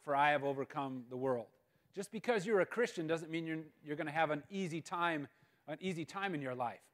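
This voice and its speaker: Guy preaching to students, tells a funny story, kinda high voice, gets loud at punchlines. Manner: storytelling with jokes, animated outbursts. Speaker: guest speaker. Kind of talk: humorous school chapel talk. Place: school assembly hall.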